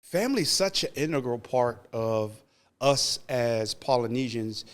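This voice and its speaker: Interview host dude, encouraging, lots of mm-hmms, medium voice. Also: male voice, medium pitch, animated, a little slow. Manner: encouraging, short affirmations. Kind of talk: interview questions.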